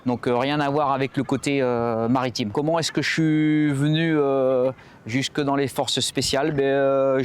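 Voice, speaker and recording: A man's voice: medium pitch, a little hiss or hum. Hesitant French ex-commando man. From central France. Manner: hesitant, many fillers and restarts. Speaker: former navy commando instructor. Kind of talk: recorded portrait interview. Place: outdoors at a harbor site.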